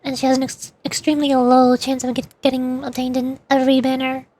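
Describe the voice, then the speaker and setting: A high-pitched, slightly mellow woman's voice, brisk and completely flat in delivery, belongs to a VTuber livestreaming a game. She chats casually and playfully, wandering between topics while answering her live chat.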